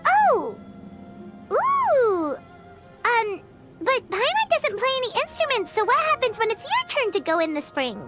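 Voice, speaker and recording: A woman's voice: huge pitch swings, a little slow, heavily acted. A woman voicing a tiny floating girl companion who boasts and talks about herself in the third person, in video game dialogue. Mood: excited. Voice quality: high squeaky childlike voice. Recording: game audio with music behind.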